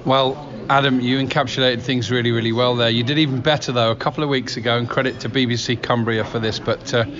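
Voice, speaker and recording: Bloke doing a footy interview in a noisy pub, halting delivery, dullish recording. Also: male voice, medium pitch, fairly even intonation. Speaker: football commentator and interviewer. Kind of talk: on-location interview. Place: busy pub. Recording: dull sound amid crowd chatter.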